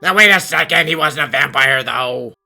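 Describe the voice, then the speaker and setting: A man's voice: fairly high pitch, normal speed, gravelly, pushed and bright, heavily acted. A man playing a sceptical, level-headed sidekick in an anime-style fan dub. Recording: voice over faint music.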